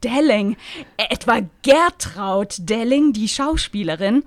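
A woman voicing a blunt woman with cutting humor while reading aloud from a novel, curt and deadpan. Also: a little high, unhurried, no room sound, clean studio sound. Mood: dry.

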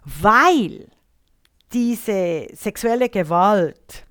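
A woman co-hosting an opinionated discussion, speaking emphatically and haltingly, repeating phrases for stress. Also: mid-range voice, lively intonation, a bit bright, dry recording, studio quality. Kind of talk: opinionated discussion of film and media politics.

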